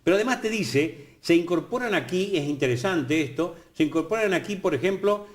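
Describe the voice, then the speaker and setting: An older Argentine man lectures in a professorial, lively way on a TV talk show. His voice sits a little high for a man. The studio sound is roomy, with echo around him. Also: brisk. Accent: Argentine Spanish. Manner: professorial, lively, playful asides. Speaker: guest, academy president. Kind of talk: explanatory TV studio conversation.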